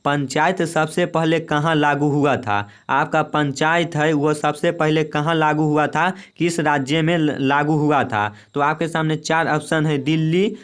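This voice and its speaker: Young male tutor, clear and slightly high, patient and repetitive, reading multiple-choice questions. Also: fairly bright tone. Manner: repetitive, drilling each answer with "remember it well". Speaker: exam-prep teacher. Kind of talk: quiz lesson reading questions and options.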